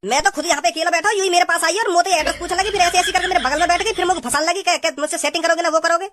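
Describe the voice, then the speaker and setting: Woman playing a rude cartoon guy, super high and rapid. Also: steady tone, noisy background. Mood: defensive. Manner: rude and scornful. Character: rude, boastful young man in a park. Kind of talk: comic cartoon dub.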